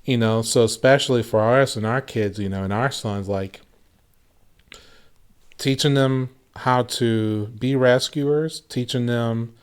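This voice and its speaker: A man's voice: medium pitch, a little slow, clean tone. A man in his thirties co-hosting a casual faith podcast, talking earnestly and reflectively with lots of fillers and restarts. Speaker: podcast co-host.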